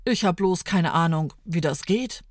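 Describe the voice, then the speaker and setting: A woman's voice: fairly low pitch, a little slow, no room sound, clean studio sound, lightly acted. A woman voicing a friendly, easygoing father in a children's audio story.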